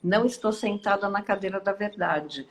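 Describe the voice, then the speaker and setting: A woman, hosting a reflective live online talk in a slow, musing way with many hesitations and tag questions. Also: mid-range voice, a little hiss or hum, poor audio. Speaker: host.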